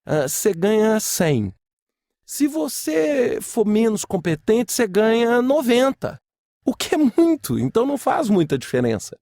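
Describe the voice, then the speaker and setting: Speaking on his own podcast, this Brazilian-accented host keeps things informal and emphatic, circling back to the same phrases and firing off rhetorical questions. He has a warm voice on the high side, and there is no room sound.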